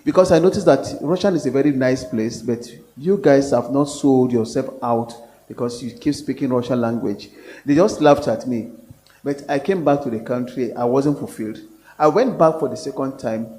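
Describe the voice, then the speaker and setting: A Nigerian professor, appearing as a panel guest at a public forum, speaks in a mellow, mid-range voice. He comes across as earnest but hesitant, with fillers and restarts throughout.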